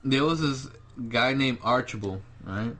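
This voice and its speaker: A young man co-hosting a casual podcast, telling work stories in an animated, exaggerating way. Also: medium pitch, unhurried. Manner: animated storyteller, exaggerates for laughs. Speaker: podcast co-host. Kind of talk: casual chat.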